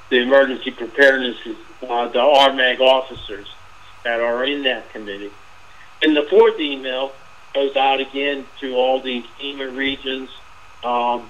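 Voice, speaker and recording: A man walks listeners through slides in a webinar, speaking in an informal way, often starting over and filling gaps with "uh". His voice is going hoarse. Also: medium pitch, a bit bright, muffled recording. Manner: informal, repeats himself with fillers. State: losing his voice. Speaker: webinar presenter.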